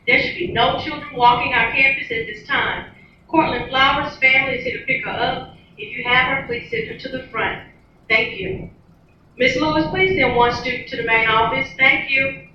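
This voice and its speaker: A woman makes polite, measured school office announcements over the intercom loudspeaker and repeats each call. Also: high voice. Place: school hallway or classroom, heard over a ceiling speaker. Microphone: school intercom picked up by a distant camera mic. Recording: echoey distant dull loudspeaker with room noise.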